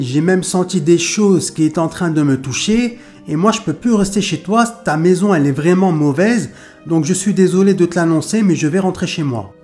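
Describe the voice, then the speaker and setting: A man's voice: high-pitched, darkish tone, lightly acted. A man voicing a scared housemaid explaining why she is leaving a haunted house.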